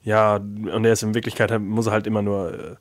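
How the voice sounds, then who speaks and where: A man's voice: lowish voice, little pitch movement, a little fast, dry recording. A man co-hosting a casual film chat, rambling with many filler sounds and jokes. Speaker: podcast co-host.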